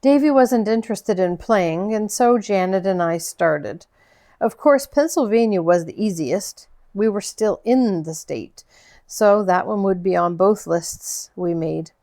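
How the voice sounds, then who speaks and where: A woman narrating an audiobook chapter in a gentle, unhurried storytelling voice, with the odd small slip. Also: mid-range voice. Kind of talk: audiobook reading of a novel.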